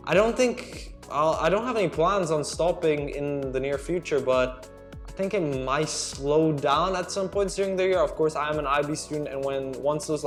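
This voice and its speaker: A teenage boy from Slovakia chats through a casual question-and-answer vlog, earnest and friendly, calling his viewers dude. His voice sits fairly high for a guy. Soft music plays faintly under him. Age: teens. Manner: chatty and earnest, addressing viewers as guys and dude. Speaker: student YouTuber. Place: at home at night.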